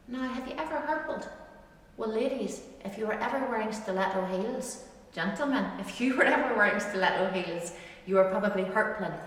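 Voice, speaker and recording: A woman with an Ulster Scots accent from Northern Ireland gives an informal talk explaining dialect words, chatting and putting questions to her listeners. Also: mid-range voice. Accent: Ulster Scots, Northern Irish. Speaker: presenter teaching dialect words. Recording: very echoey hall, distant microphone.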